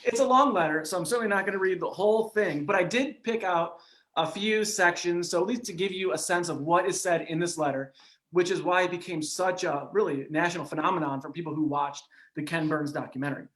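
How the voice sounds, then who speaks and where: A man hosting a casual history chat, easygoing with lots of "uh"s, reading an old letter aloud slowly and earnestly. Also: high-pitched, fairly bright tone. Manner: easygoing, with filler "uh"s and laughs, reads slowly and earnestly. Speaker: historian podcast host.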